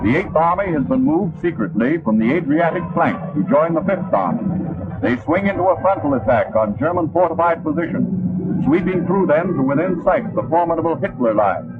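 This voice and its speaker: A man's voice: fairly high pitch, animated, a little fast. A man narrating a wartime newsreel from a script in the stirring, declamatory manner of an old 1940s newsreel narrator. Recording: tinny band-limited 1940s newsreel soundtrack. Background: loud orchestral newsreel music.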